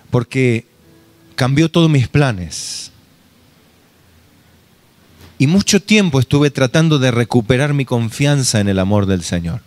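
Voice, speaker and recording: A man's voice: mid-range voice, dry recording. A male pastor with an Argentine accent giving an earnest sermon and often calling his listeners brother. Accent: Argentine Spanish.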